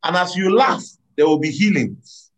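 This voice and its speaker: A man preaching a sermon, animated, laughing and drawing answers from his congregation. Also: high-pitched, moderate pace, rough recording. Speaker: pastor.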